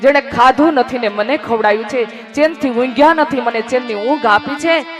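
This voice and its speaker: A woman's voice: high voice, normal speed, over music, voice pushed up, close to an everyday voice. A woman storyteller voicing a grown son, an official, overcome with guilt and anguish.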